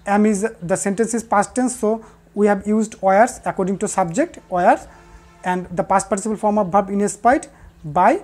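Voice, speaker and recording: A woman teacher speaks in a warm, mellow tone. She talks at a middling pitch and says each key answer twice. Short pauses and fillers break up her explanations. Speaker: English teacher. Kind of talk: recorded classroom lesson.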